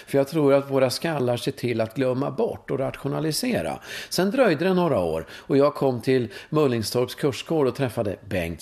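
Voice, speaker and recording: A man in his fifties from Sweden, a course leader being interviewed, telling stories in a lively way with frequent tag questions and swearing. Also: mid-range voice, creaky. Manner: animated storytelling, frequent "va?" tags, swearing. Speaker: guest, course leader in sexuality and breathwork. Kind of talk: conversational interview.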